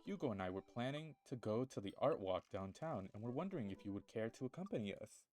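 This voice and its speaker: A man voicing a haughty, old-fashioned gentleman in a game, speaking in a prim, theatrical way. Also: medium pitch, lively intonation, quick pace, faint music behind, natural voice. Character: pompous old-fashioned man with Victorian airs.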